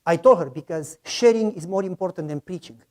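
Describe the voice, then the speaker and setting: A man's voice: high voice, a little fast, dark tone. Storytelling man preaching a sermon. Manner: dramatic, acts out quoted dialogue. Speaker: pastor.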